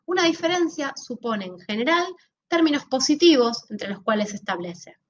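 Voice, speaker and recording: A woman's voice: sits high, sing-song, moderate pace, muffled recording. A woman giving a recorded lecture, explaining step by step and often checking in with her listeners. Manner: explanatory, checks in with frequent rhetorical questions. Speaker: teacher.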